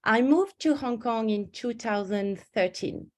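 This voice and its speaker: A stress management coach from Switzerland gives an online webinar over a video call, speaking into a home computer mic. Her voice is a little high and expressive, and she keeps a measured pace. She talks in an earnest, personal way and often corrects herself mid-sentence.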